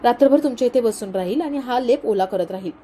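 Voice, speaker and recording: A woman's voice: a little high, fast, mellow, slight background noise, lightly acted. A woman voicing a meek, dutiful daughter-in-law. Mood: gentle. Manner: meek, reassuring. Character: dutiful, soft-spoken young daughter-in-law.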